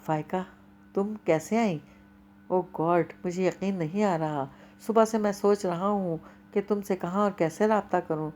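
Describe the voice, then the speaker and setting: A woman voicing an excited, lovesick young man in a storybook reading. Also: lowish voice, slight background noise, natural voice. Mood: eager. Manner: excited and eager.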